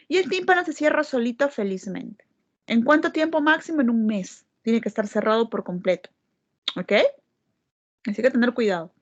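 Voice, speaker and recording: Brief: woman lecturer, highish voice, patient explainer, dull lo-fi recording. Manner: explanatory, asks frequent tag questions. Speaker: medical lecturer. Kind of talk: classroom lecture.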